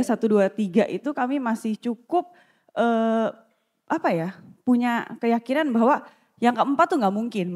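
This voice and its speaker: A woman giving a candid, animated personal testimony at the front of a church, with self-deprecating humor. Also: mid-range voice.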